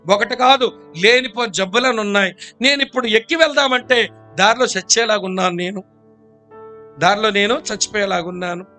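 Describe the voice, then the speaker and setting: A man's voice: high voice, bright, forceful tone. A man preaching a sermon to his congregation, asking them rhetorical questions and acting out the voices in a story. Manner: acts out dialogue in a story. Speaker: pastor.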